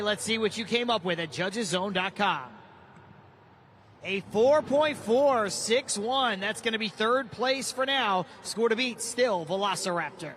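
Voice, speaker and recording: High-pitched, forceful male monster truck announcer. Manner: hyped, drawn-out shouted driver introductions. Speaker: event announcer. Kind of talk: live arena motorsport commentary. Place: outdoor stadium. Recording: loud outdoor stadium with engine noise.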